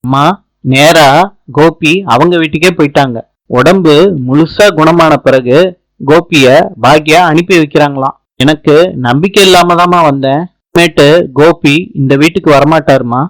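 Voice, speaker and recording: A man's voice: fairly high pitch, moderate pace, no echo, close to an everyday voice, low-quality recording. A man reading a hurt, resigned young wife. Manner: subdued, resigned. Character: hurt young wife holding back tears.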